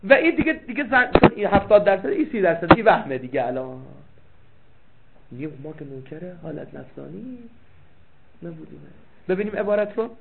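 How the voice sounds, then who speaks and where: A man gives a seminary lecture in a high voice, reading Arabic passages aloud and breaking them down with his own questions. He repeats key phrases to drive a point home. The recording is thin and phone-like. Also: big pitch swings, vocal fry, noisy background. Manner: explains with rhetorical questions and reads out Arabic text. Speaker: seminary teacher. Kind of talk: classroom lecture.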